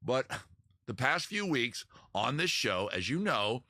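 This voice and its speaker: Taking his time, a medium-pitched male host with a pushed, bright tone and big pitch swings rambles and jokes about himself between songs on a live-streamed beer-and-songs show. He plays guitar and sings, chatting with the chat under a small outdoor rain tent. His live-stream microphone yields dry, clean studio sound, with guitar audible.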